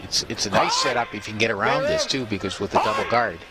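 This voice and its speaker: A man giving unscripted, conversational color commentary on curling, analyzing in a halting way. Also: fairly low pitch, wildly swooping pitch.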